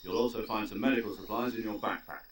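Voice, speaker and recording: An actor playing an authoritative male military commander in a video game, giving crisp, instructive briefings. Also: lowish voice, fairly even intonation, fast, noisy background, lightly acted. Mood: calm, instructive.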